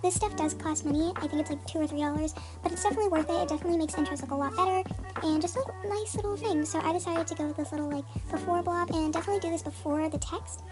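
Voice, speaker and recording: A tutorial host speaking through a voice changer that disguises their voice, chatty and full of "like" and "um". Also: racing. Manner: chatty, many "like" and "um" fillers. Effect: voice changer disguising the voice, pitched very high. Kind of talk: casual step-by-step tutorial.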